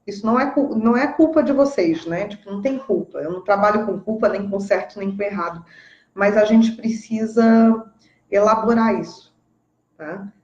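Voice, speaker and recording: A woman's voice: mid-range voice, normal speed, a little mellow, roomy sound, dull audio. Chatty Brazilian woman advising parents. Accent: Brazilian Portuguese. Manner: chatty, emphatic, often checks in with "tá?". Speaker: parenting educator. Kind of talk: casual advice talk to parents.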